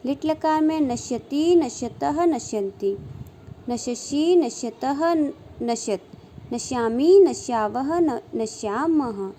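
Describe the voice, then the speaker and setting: A high-pitched woman teacher recites verb forms one by one at an unhurried pace. The delivery is measured, as in a classroom grammar lesson. A faint hiss sits under the recording. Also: expressive, dark tone.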